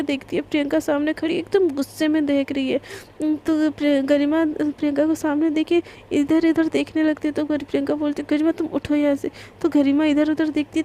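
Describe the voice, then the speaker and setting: A woman with a high, mellow voice narrates a love story casually and chattily, mixing things into her talk and leaning on lots of fillers.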